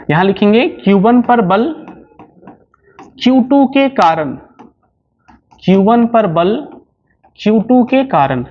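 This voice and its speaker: A male physics teacher lecturing at a board, who keeps asking questions and answering them himself. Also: high voice. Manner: repetitive, asks questions then answers them. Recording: dull lo-fi sound.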